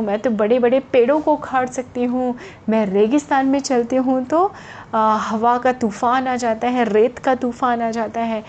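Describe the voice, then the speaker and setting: High-voiced woman telling children a story. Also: slight background noise. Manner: lively, addresses children directly.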